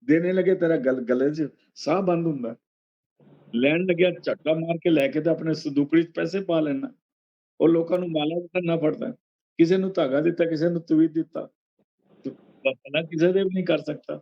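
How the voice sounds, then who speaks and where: An older man with a Punjabi accent explaining sacred verses word by word, slowing down to recite the lines and repeating his warnings. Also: on the high side. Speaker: satsang speaker explaining verses. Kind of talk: spoken sermon commentary. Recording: dull lo-fi recording.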